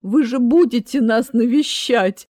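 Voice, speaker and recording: A woman's voice: fairly high pitch, normal speed, a little mellow, no room sound, clean studio sound, close to an everyday voice. A woman voicing a tearful, easygoing male ruler of the underworld who speaks in an emotional, blubbering way.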